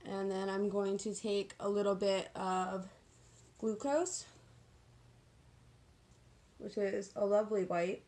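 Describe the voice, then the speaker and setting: A woman's voice: mid-range voice, fairly even intonation, slow pace, pauses often, a little mellow. A woman giving a casual, chatty get-ready-with-me makeup tutorial, talking in a sassy, slangy, self-deprecating way. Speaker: makeup vlogger.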